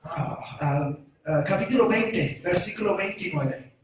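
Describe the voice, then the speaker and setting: High-voiced preacher, booming and echoey. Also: male voice, expressive, a little slow, slight background noise. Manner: swings from quiet musing to loud shouting. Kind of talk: sermon. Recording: roomy echo from far off.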